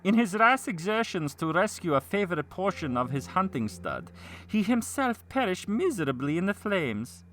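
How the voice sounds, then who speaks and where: A man's voice: high voice, big pitch swings, moderate pace, a bit bright, voice pushed up. A man voicing a servile vassal bringing grim news in a gothic tale, in a hammy, theatrical stage manner. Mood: excited, deferential. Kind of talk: dramatic reading of gothic tale.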